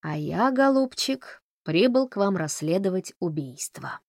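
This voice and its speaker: A man's voice: high voice, expressive, unhurried, creaky, dry recording, clean studio sound, exaggerated voice. A woman narrating an audiobook, voicing a polite, curious elderly male professor. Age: older.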